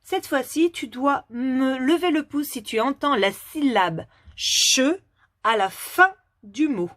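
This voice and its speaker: A woman teaching a phonics lesson to young children, asking questions patiently and clearly articulating each word. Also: sits high, lively intonation, slow, a bit bright, no echo, studio quality.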